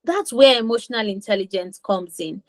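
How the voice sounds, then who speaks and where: A woman's voice: mid-range voice, brisk, no room sound. Lady coach teaching kids over a video call, keeps asking okay?, dead dry sound. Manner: repeats for emphasis, acts out kids' voices. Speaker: confidence coach for teens. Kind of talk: online class teaching.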